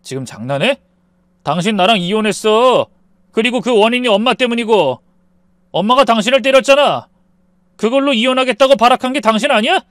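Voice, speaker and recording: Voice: medium pitch, expressive, fairly quick, no echo, pitched above the performer's own voice, lightly acted. A man playing a sneering, abusive husband. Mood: threatening. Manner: falsely gentle, then snarling. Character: smooth-talking abusive husband turned threatening.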